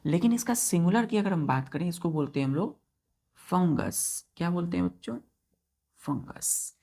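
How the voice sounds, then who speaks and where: Lady teacher, low mellow voice, talks slow, dictates notes to kids. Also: lively intonation. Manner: mixes Hindi and English, slow dictation of notes; asks the class questions and answers them herself. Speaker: science teacher. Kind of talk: classroom lecture to children.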